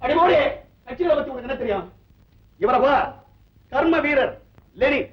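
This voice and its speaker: A pompous party-hopper, really high voice, big speeches, muffled old film audio. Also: male voice, animated, moderate pace. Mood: speechifying. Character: pompous turncoat husband who keeps changing parties. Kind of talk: 1970s film comedy acting. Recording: dull old film soundtrack.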